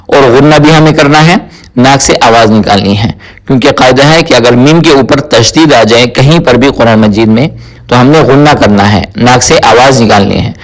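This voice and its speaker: Man, tajweed lesson, slow methodical explanation, repeated chanted words, mid pitch. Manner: patient, slow and methodical, repeats each word several times; spoken explanation alternating with melodic chanted recitation. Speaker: Quran recitation teacher. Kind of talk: word-by-word tajweed pronunciation lesson.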